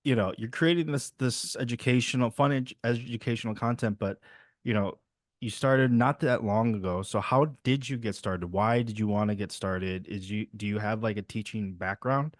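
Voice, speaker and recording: Male host from Wisconsin, Midwestern American accent, fairly low voice, relaxed interviewer, close and dry recording. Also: normal speed, no echo. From Wisconsin, United States. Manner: easygoing, loose questions with fillers. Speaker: podcast host. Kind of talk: casual interview chat.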